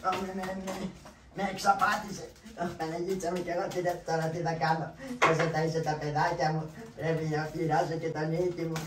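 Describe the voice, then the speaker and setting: A man's voice: medium pitch, steady tone, hardly any pauses, background noise, close to an everyday voice. A man voicing a timid, fretful man who stammers, in a shadow puppet play, recorded with roomy echo from some distance. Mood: distraught. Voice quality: stammering, hesitant. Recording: roomy echo, far from the mic.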